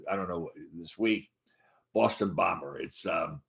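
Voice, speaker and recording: A man's voice: low voice, vocal fry, a bit bright. Rambling man in his eighties, lo-fi. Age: 80s. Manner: rambling, halting, many restarts and fillers. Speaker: podcast co-host. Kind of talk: casual chat. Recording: dull lo-fi sound.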